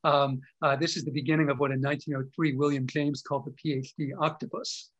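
Male academic guest, fairly high voice, rambling, filler-heavy answers. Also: level tone, fast, low-quality recording. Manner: discursive, many fillers and restarts. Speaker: author and historian guest. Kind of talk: interview answers.

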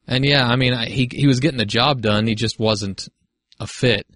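A man's voice: mid-range voice, moderate pace, no echo, clean studio sound. A man co-hosting a podcast, talking casually and swearing freely during a movie commentary. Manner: relaxed, chatty, swears freely. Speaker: podcast co-host.

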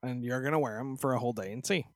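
A man's voice: mid-range voice, very fast, no room sound, studio quality. A man co-hosting a podcast in casual, irreverent chat, joking crudely and acting out quotes. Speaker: podcast co-host.

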